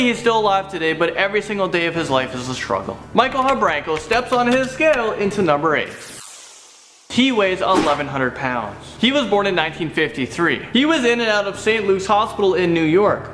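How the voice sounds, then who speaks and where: A man's voice: high voice, a bit bright. A man hosting a top ten countdown video, upbeat and speaking straight to the viewers. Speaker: host of a top ten list video channel.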